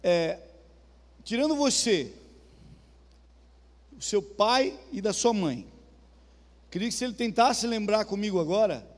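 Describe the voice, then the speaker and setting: A man with a southern Brazilian accent and a high-sitting voice preaches a sermon as a pastor in a church hall, speaking expressively and a little slowly with long pauses. He keeps it conversational, putting questions to the congregation. The recording carries the hall's reverb along with soft music.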